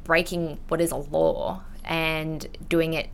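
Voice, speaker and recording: This woman's voice is deep, creaky, clear and resonant, delivered flatly and slowly, and the recording is rough. In her twenties, with an Australian accent, she's an intellectual property investigator talking candidly and casually as a guest in a conversational podcast interview.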